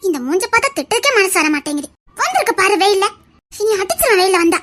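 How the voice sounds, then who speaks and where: In a sing-song, exaggerated voice at an extremely high pitch, a woman with a Tirunelveli Tamil accent plays Anandhi in a web series drama, an affectionate young lover who fusses over him and scolds him. She talks fast, her tone a bit bright.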